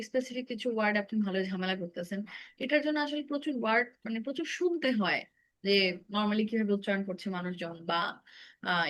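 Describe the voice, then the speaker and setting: A woman's voice: on the high side, fairly bright tone, poor audio. A woman teacher giving direct, corrective feedback on a student's English speaking in an online class.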